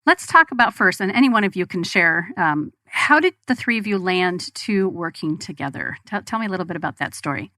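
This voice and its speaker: A woman's voice: on the low side, animated, brisk, few pauses, bright, forceful tone, no room sound. A middle-aged woman with an American accent, hosting an interview in a chatty, colloquial way. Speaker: interview host. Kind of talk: casual conversational interviewing.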